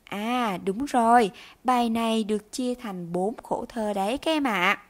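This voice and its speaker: Slow, careful woman teacher. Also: a little high. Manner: slow, careful enunciation of words and syllables. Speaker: primary school teacher. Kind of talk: recorded reading lesson for children.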